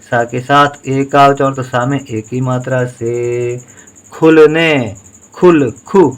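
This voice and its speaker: Slow, patient man spelling out syllables. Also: medium pitch, fairly even intonation, clean tone. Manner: patient, sounds out each syllable and vowel sign. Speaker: Hindi writing teacher. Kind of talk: slow spelling dictation lesson.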